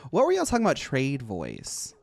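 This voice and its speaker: A game streamer chatting casually, with an animated, expressive delivery and sassy, girly-pop slang. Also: mid-range voice, normal speed, creaky. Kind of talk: casual chat while livestreaming a game.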